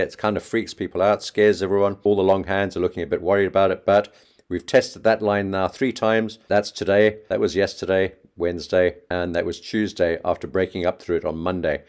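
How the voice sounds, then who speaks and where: A man giving a quick, chatty trading market update, talking fast and offhand. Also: low voice, darkish tone. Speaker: market analyst.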